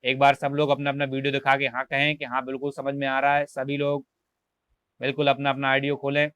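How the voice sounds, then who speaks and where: Teaching an online class, a man translates English text by reading lines, breaking down every word, and answering questions he asks himself. He speaks in a monotone, mid-range voice, a little fast and fairly bright, with a clean tone in a dry recording.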